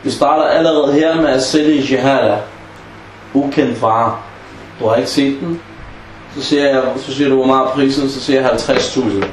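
A man's voice: medium pitch, steady tone, pauses often. A man teaches a class on Islamic legal maxims, stopping often to put questions to his students and act out small example exchanges. His voice carries in an echoey room. A faint hum of background noise sits behind him. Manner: asks the class questions and acts out example dialogues.

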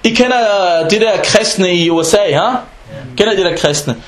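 A man giving an informal religious lecture, animated and mixing in Arabic phrases and recitation. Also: high-pitched, roomy sound. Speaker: preacher.

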